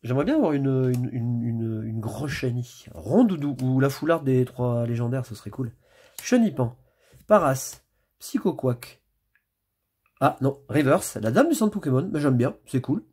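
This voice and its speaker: A man's voice: mid-range voice, animated, unhurried, darkish tone, husky. A man casually commenting as he opens trading card packs, chatty and muttering card names as he flips through them. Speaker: YouTuber opening card packs. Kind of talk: casual pack-opening commentary.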